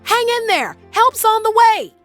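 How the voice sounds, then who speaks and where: A feisty, militant young fairy-tale girl from a cartoonish game. Her voice is very high and bright, swinging with brash, combative exclamations over faint music. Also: very animated, a little slow, dry recording, heavily acted. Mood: alarmed, eager.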